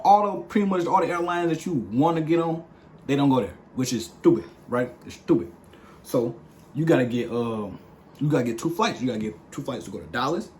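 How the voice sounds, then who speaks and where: Animated young man telling a story. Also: mid-range voice, a little hiss or hum. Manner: animated, slangy, playful storytelling. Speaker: vlog co-host. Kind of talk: casual storytelling chat.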